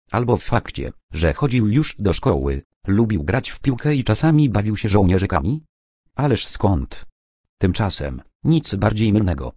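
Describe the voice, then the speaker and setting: Deep-voiced man reading children's stories. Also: warm tone, no echo, clean studio sound. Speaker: narrator.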